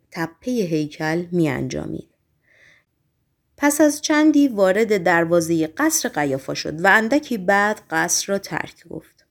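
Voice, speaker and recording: Female audiobook narrator, measured storytelling delivery, mid-range voice. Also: mid-range voice.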